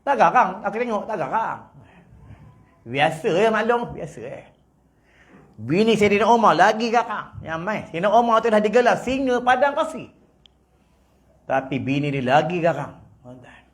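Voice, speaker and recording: A man with a Malaysian Malay accent giving a humorous religious lecture in a prayer hall, teasing his audience and swinging between loud and soft. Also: high-pitched, big pitch swings, moderate pace, long pauses. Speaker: preacher.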